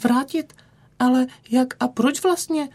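A woman's voice: sits high, a little mellow, voice pushed up. A woman doing a tiny, timid elf boy. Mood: timid, earnest. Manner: earnest, questioning, a little timid. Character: tiny timid male elf, gentle and curious.

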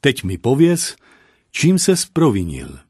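A man's voice: mid-range voice, wildly swooping pitch, a little mellow, husky, no echo, clean studio sound, pitched above the performer's own voice. A man voicing a young woman general, kind but commanding, who asks firm questions and gives orders.

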